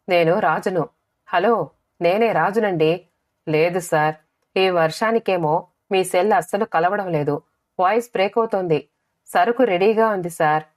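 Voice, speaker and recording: A woman narrator voicing a smooth-talking male villain who makes shady deals on the phone, in a slick, persuasive manner. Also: sits high, lightly acted.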